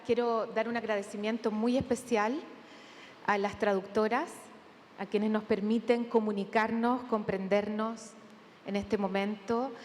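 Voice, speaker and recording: Chilean woman giving a measured conference talk. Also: a little high, a little mellow. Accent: Chilean Spanish. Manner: measured, deliberate, with thinking pauses. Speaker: conference speaker. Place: large conference hall. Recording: long hall reverb, faint room noise.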